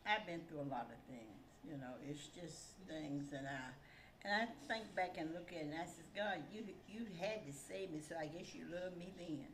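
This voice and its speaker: With a low voice at a moderate pace, this older woman shares stories as a grandmother would, casually wandering and trailing off mid-thought. The room sounds roomy, and there's background noise.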